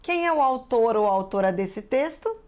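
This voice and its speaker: A woman's voice: fairly high pitch, animated, normal speed, a little mellow. A woman with a Brazilian Portuguese accent teaching a TV lesson for children, carefully asking the class many questions.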